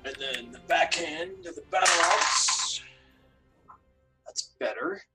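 A man playing a tabletop game, describing his character's attacks slowly, with hesitant pauses and fillers. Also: high-pitched, big pitch swings, creaky, over loud music. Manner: slow, hesitant, lots of uhs. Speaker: player.

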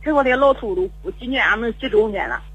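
A woman's voice: on the high side, lively intonation, fast talker, fairly bright tone, husky, low-quality recording. An older woman calling in to a radio show, telling a long story in a rambling, repetitive way with stammering restarts. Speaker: caller. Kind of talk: call-in radio chat. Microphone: phone call.

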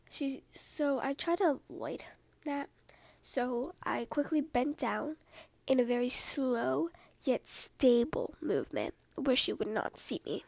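A woman with a high voice tells a story in whispered storytelling style, hushed and soft. She goes slowly, drifting into rambling little asides, and the sound is close and completely dry. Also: gravelly, no room sound. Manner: slow, hushed delivery.

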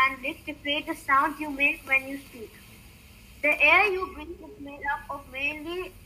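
A woman with a high, bright voice hosts a children's science education series, carefully reading scripted explanations and laying out each point like a lesson. The recording is rough, with slight background noise.

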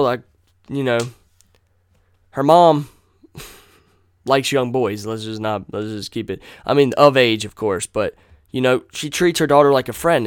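A man's voice: mid-range voice, smooth, dry recording, studio quality. Man, casual vlog rant, heated and blunt, constant swearing, repeats himself, resonant voice. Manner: repeats phrases for emphasis. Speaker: vlogger.

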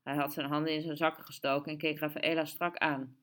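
A woman reading a story aloud in steady, measured narration. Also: low voice. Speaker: audiobook reader. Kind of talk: scripted narration.

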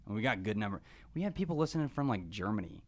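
A man's voice: on the low side, big pitch swings, fast. A male podcast host chatting casually with a guest, tired and full of teasing jokes. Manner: joking, teasing, laughs often.

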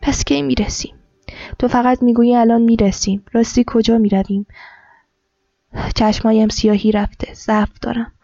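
Mellow-voiced woman reading her story. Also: on the high side, gravelly, dry recording. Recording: dull lo-fi with soft music.

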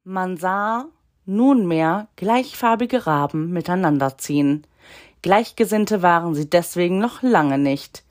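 Woman reading a kids story, slow and easy, lowish voice. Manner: calm, unhurried, voices the animals lightly.

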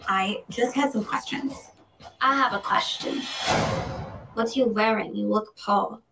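A woman's voice: medium pitch, a little slow, creaky, distant mic. An actress playing a haughty young woman posing as a rich heiress, with a hard-to-place put-on European accent, heard in a film trailer over music.

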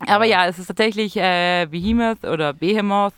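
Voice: mid-range voice, a little fast, fairly bright tone, clear, resonant tone. A podcast co-host in casual chat, gushing about music and searching for words.

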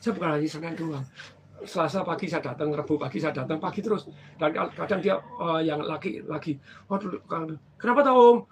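A high-voiced man recounts his days running a bank branch, rattling along at a quick clip. He slips into the voices of the people he describes, keeping the chat animated. Faint background hum sits under his voice. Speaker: former bank branch manager. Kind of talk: storytelling in casual conversation.

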